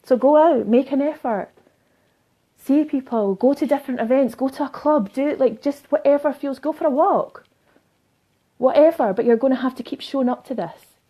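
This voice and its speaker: A woman's voice: high-pitched, moderate pace, mellow. A woman life coach giving a live motivational talk to viewers, emphatic and fond of repeating phrases for effect.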